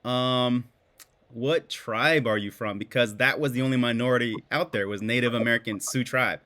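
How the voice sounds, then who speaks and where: A man's voice: mid-range voice, normal speed, a bit bright. A man from Hawaii, a podcast guest, telling jokey stories casually and laughing often. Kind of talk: casual storytelling.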